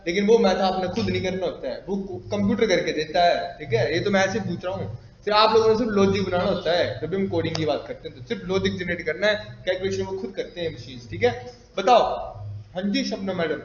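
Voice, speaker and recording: High-voiced man teaching a class. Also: quick pace, a little hiss or hum. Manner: teasing, quizzes students often. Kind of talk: classroom lecture. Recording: echoey classroom, dull lo-fi audio.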